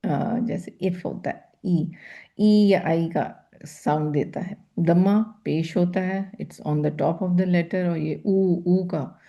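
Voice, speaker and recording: A woman's voice: fairly low pitch, steady tone, slow, vocal fry, dark tone, muffled recording. A woman teaching a grammar class, patiently repeating terms and asking her students rhetorical questions. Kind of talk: grammar lecture.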